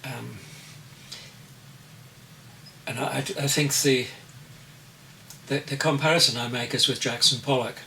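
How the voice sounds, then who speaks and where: A man in his eighties, an artist answering interview questions in a slow, deliberate way as he searches for his words. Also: mid-range voice, steady tone, vocal fry, pushed and bright. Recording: distant mic with faint noise.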